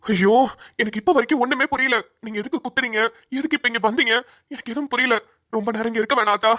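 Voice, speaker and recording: A woman's voice: on the high side, quick pace, sharp tone, no echo, studio quality. A woman voicing an earnest, protective young male police officer in a cartoon, talking urgently and stammering at times. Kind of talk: cartoon voice acting.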